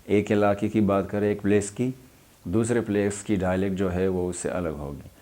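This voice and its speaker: A man's voice: fairly low pitch, fairly even intonation, warm tone. A young adult man from Pakistan, an English lecturer explaining a lesson, repeating points and mixing in English terms.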